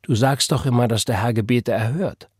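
A man voicing a wry woman who teases gently. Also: medium pitch, moderate pace, slightly rough, no room sound, studio quality, voice pushed up, lightly acted. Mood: teasing. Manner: teasing, gentle. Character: wry middle-aged woman, gently teasing.

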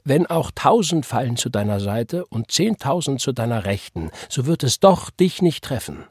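A man's voice: mid-range voice, sing-song, moderate pace, a little mellow, breathy edge, no room sound, clean studio sound, pitched above the performer's own voice. A man voicing a fervent churchwoman who speaks pious, emphatic lines with a raised voice. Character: fervent churchwoman, loud and exclaiming.

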